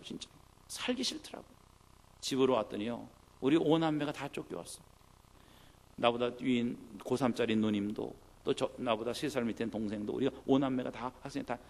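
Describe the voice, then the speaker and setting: Gravelly middle-aged male pastor preaching. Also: fairly high pitch. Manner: animated storytelling, acts out his mother's tearful prayer. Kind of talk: sermon with personal story.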